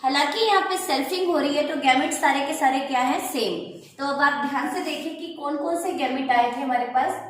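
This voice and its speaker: High-voiced woman teacher in an echoey classroom. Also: a little fast. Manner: asks questions and answers them herself, calls students "beta". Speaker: biology teacher. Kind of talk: classroom lecture. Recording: echoey room, distant mic, faint noise.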